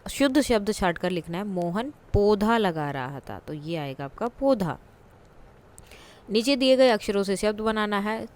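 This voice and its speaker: A woman teacher explaining a worksheet in a patient way, repeating words slowly for her students. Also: medium pitch.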